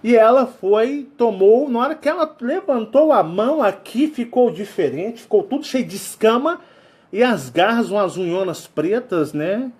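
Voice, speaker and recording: A man's voice: sits high, lively intonation, normal speed, a little mellow, husky. A Brazilian man hosting a channel, telling a story in a casual, rambling way and ending nearly every phrase with a tag question. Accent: Brazilian Portuguese. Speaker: channel host.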